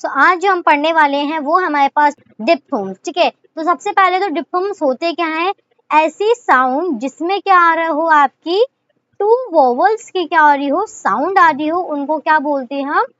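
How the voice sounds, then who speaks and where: Woman, Indian accent, very high voice, teacher, step-by-step explaining, rhetorical questions, dull lo-fi audio. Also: unhurried, a bit bright. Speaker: shorthand teacher. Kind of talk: casual video lesson.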